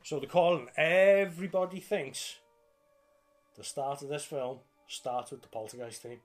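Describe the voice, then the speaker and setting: A man co-hosting a casual chat about film music, animated and acting out scenes as he tells them. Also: on the high side, measured pace. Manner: animated storyteller, swears freely, acts out scenes. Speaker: podcast co-host.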